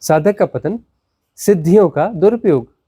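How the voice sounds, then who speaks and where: A man's voice: expressive, measured pace, dark tone, husky, dry recording, clean studio sound. Man teaching in a rhetorical, repetitive way. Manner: repetitive, rhetorical questions, dramatic swings of pitch. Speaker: spiritual teacher. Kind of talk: satsang discourse answering a question.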